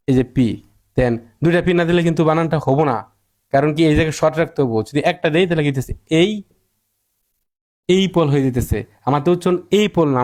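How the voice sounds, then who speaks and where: Guy teaching english spelling, slightly high voice, keeps asking questions and drags words out syllable by syllable. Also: a little mellow. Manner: repeats words and asks rhetorical questions; sounds out words slowly, syllable by syllable. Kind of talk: spelling and pronunciation lesson.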